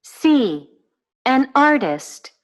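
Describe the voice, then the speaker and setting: Woman reader, course audio; crisp deliberate enunciation, very slow pace. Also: sits high, big pitch swings. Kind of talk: scripted textbook dialogue.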